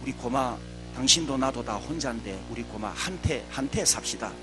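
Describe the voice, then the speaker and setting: A man's voice: mid-range voice, lively intonation, normal speed, music in the background, natural voice. A male pastor voicing a plain-spoken widowed countrywoman with a Gyeongsang dialect, homely and blunt, in a sermon story. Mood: coaxing.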